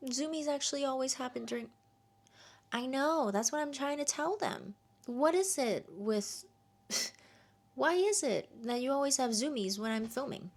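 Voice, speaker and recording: Young woman chatting about a book on her vlog, bit of vocal fry, talks to her pet mid-sentence. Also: sits high, animated, moderate pace. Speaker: book reviewer. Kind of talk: casual book review vlog.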